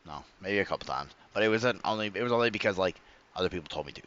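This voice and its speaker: Deep-voiced man rambling in reaction commentary. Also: animated, racing, fairly bright tone, highs cut off. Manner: rambling, self-correcting, profane. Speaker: streamer reacting to clips.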